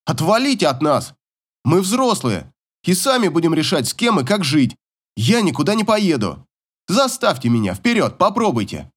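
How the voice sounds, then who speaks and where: A man's voice: on the high side, lively intonation, a little slow. A man voicing an angry, defiant teenage son in an audiobook. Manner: defiant, barking.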